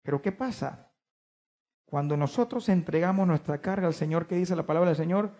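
A man preaching a sermon to his congregation, stressing key words by drawing them out slowly and putting questions to his listeners. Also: on the high side, dark tone, long reverb tail. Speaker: pastor. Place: church.

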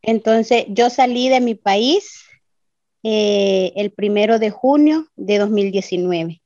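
A woman from El Salvador with a Salvadoran accent, giving a slow, hesitant personal testimony as a migrant, with many fillers. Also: mid-range voice, dark tone, no room sound, dull audio. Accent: Salvadoran Spanish. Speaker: interviewee, migrant. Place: Ciudad Juárez.

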